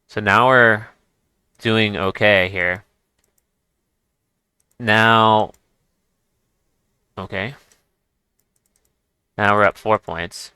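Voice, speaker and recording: A man's voice: on the low side, fairly even intonation, extremely slow, pauses often, pushed and bright, clear, resonant tone, dry recording. A man giving casual chess commentary as he plays, thinking aloud and restarting his sentences. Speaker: chess streamer.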